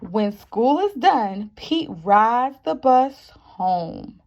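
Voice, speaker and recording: A woman teacher reading a picture book aloud to young children, expressive and encouraging, often asking the listeners questions. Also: fairly high pitch, extremely slow. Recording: dull, muffled lo-fi sound.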